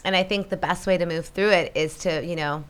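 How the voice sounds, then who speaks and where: A woman in casual spiritual chat, animated and laughing easily as she talks. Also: fairly low pitch, brisk, clean tone.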